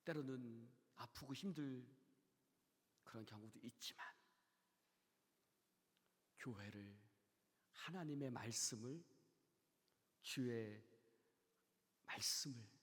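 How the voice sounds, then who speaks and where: A man preaching a sermon as pastor. He swings from hushed near-whispers to loud, shouted peaks, and he keeps asking the congregation questions and having them repeat phrases after him. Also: medium pitch, takes it slowly, long pauses, breathy edge, in a large hall. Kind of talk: Wednesday service sermon. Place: church sanctuary.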